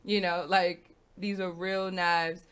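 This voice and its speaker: A woman's voice: lowish voice, flat delivery, slow, a bit bright, clear, resonant tone. A woman hosting a radio talk show, chatting frankly and swearing casually.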